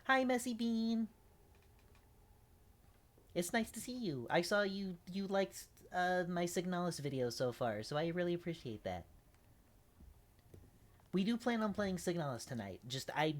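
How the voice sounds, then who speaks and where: A woman's voice: fairly low pitch, expressive, moderate pace. A woman streamer chatting and reacting aloud as she plays a game, laughing often. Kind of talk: let's play commentary.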